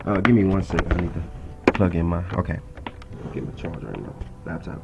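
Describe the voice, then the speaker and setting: Indoors at his laptop, a man reads an article aloud and riffs on it conversationally, constantly asking "right?" and calling listeners "bro." His deep, gravelly voice moves quickly, and the recording is muffled and very noisy.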